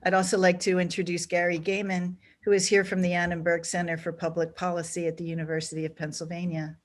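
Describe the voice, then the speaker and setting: A woman's voice: on the low side, little pitch movement, fast talker. A woman hosting and introducing speakers at an online event over a video call, speaking earnestly with small restarts. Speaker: program director and event host. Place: home or office on a video call.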